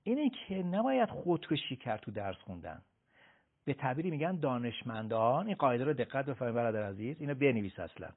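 A gravelly-voiced man gives study advice on a radio program. His delivery is emphatic and lively in pitch, as he addresses listeners directly, and the sound is narrow and phone-like. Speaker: education advisor.

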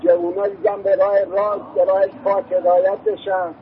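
A man in his fifties on a thin, phone-like line, calling into a live broadcast with a fairly high voice. He talks politely and earnestly, with faint noise behind him. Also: sing-song, vocal fry. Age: 50s. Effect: phone caller heard over the broadcast. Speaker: caller to a live religious TV show.

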